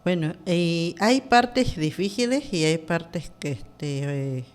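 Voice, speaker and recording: A woman's voice: on the low side, expressive, takes it slowly. A woman, talking as a podcast guest in a hesitant way, full of fillers and restarts. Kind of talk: casual interview talk.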